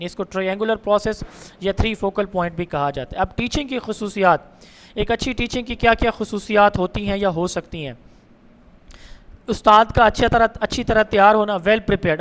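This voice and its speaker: High-voiced man giving an online lecture. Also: fairly bright tone, smooth. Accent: Punjabi Urdu. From Pakistan. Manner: reads English slide headings slowly, then explains in Urdu with religious phrases. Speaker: exam-prep lecturer. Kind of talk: online lecture reading slides and explaining. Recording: long hall reverb with faint noise.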